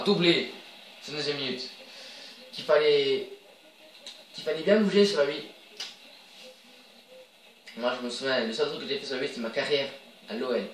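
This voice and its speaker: Homme bavard qui commente son propre match de jeu vidéo, ton enjoué, voix moyenne, prise de son lointaine dans une pièce qui résonne. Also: male voice, mid-range voice, roomy sound, far from the mic, slight background noise, poor audio. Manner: chatty, excitable, cheers on his players. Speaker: video game player. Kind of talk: casual gameplay commentary.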